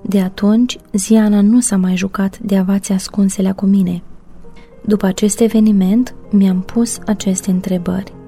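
A woman narrating a first-person story in a measured, reflective way. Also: mid-range voice, little pitch movement, warm tone, soft background music.

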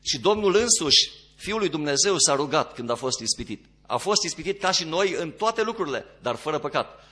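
A man delivers a sermon in a bright, fairly high voice. He moves between hushed, lower stretches and rising, emphatic peaks. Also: big pitch swings. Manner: swings between quiet low passages and rising emphatic ones. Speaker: preacher.

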